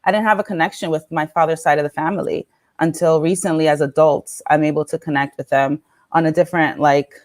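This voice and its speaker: Low-voiced woman guest, candid and laughing. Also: steady tone, fast talker, darkish tone. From Dominican Republic. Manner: candid, laughs often, many um and like fillers. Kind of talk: casual interview talk.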